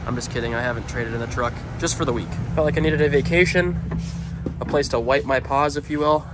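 A young American man vlogs his travels in and around a motorhome on the road, narrating in a folksy, playful, casual way at a fairly quick pace with a mid-range voice. He holds the camera at arm's length, so the outdoor and vehicle audio is noisy.

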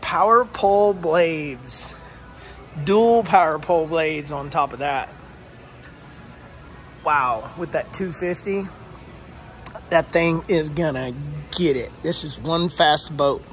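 A man with a somewhat high voice gushes his way through a casual first-person vlog. He exclaims often and chats freely as he walks through a large indoor showroom. Faint music plays in the background. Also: takes it slowly, pauses often. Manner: excited, exclaiming, chatty. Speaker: fishing vlogger touring a boat.

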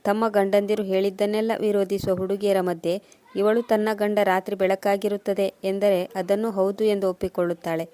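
A woman reads a scripted first-person story at a steady, even pace. Her voice stays flat and level, sitting at an ordinary pitch. The recording is close and completely dry, with no room echo. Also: moderate pace.

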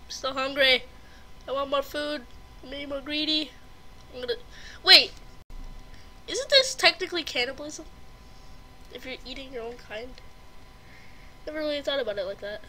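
High-pitched stuffy-nosed woman gamer. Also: expressive, a little fast, pauses often, bright, forceful tone, a little hiss or hum. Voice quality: stuffy nose. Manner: easily startled, gasping and exclaiming. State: congested. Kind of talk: gameplay commentary.

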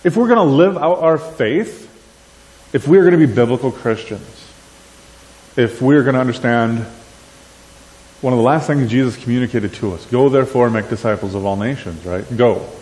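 A man's voice: mid-range voice, moderate pace. A middle-aged man with an Upper Midwestern accent, giving a conversational sermon and asking the crowd questions. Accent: Upper Midwestern American. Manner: animated, asks the crowd questions, gestures while talking. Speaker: conference speaker. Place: church sanctuary. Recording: church hall with long reverb, faint hiss.

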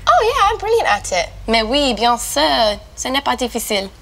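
A woman's voice: high-pitched, very animated, moderate pace, gravelly, very noisy, heavily acted. An actress playing a sarcastic, playful teenage girl in a sitcom. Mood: teasing. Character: cheeky teenage girl learning to drive. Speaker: sitcom daughter. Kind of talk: sitcom acting.

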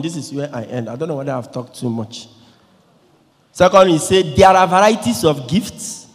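A man with a Nigerian English accent preaches from a church ambo, his voice sitting a little high for a man. He shifts between loud bursts and quiet, low stretches and acts out little scenes. A long reverb from the large church trails each phrase. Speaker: priest. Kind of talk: lively sermon. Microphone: handheld microphone.

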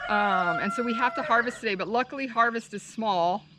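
A woman's voice: a little high, a little fast, noisy background. A woman in her thirties, a farmer chatting casually for her vlog outdoors, rambling and laughing easily, picked up by a camera a few steps away. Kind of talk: casual chat. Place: outdoor farmyard. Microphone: camera mic from a few steps away.

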